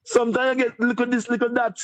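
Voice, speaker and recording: Interviewed on a live stream, a deputy mayor with a Jamaican accent rambles repetitively and chuckles. His voice is very high-pitched and level in tone, and he talks fast.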